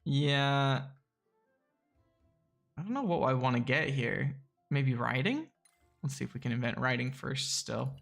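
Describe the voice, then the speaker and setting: Male streamer, mid-pitched with a gravelly fry, relaxed and halting while he plays. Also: faint music behind. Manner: easygoing, chuckling, hesitant with many fillers. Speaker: game streamer playing the strategy game. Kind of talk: casual live-stream gameplay chat.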